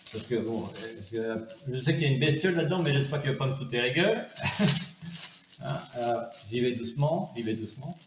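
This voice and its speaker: A man rambling through a comedic vlog, full of fillers and restarts, sometimes switching to high cooing baby talk. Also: lively intonation, brisk, roomy sound, muffled recording, heavy background noise. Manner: hesitant, many fillers and restarts. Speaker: vlogger. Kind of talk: improvised comedic monologue.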